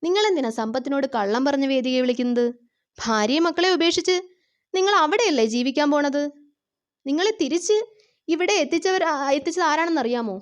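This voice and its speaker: A woman reading the lines of a defiant wife who reproaches her husband with cutting questions, in her own fairly high voice. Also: animated, brisk. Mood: reproachful.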